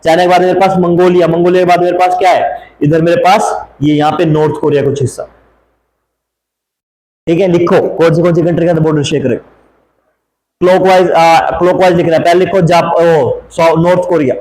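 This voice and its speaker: Using a map, a man teaches geography to exam students, drawling over and repeating place names while asking rhetorical questions and slipping in English phrases. His voice is fairly high and a little mellow with little pitch movement, and he speaks briskly. The recording is low quality and reverberant.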